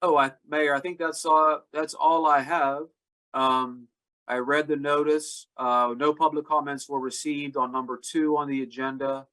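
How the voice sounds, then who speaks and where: A man with a somewhat high voice reports to a town council over a video call, stuffy and congested from allergies. He talks in a halting way, with small restarts and a joking, self-deprecating touch. His voice sits a little above the usual pitch for a man. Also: little pitch movement, pushed and bright. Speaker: town clerk reading notices.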